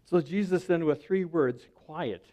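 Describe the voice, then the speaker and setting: A man's voice: medium pitch, normal speed, a little mellow. A man giving a sermon as a pastor, speaking in a conversational way and often checking in with the listener. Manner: conversational preaching, often asks the listener "right?".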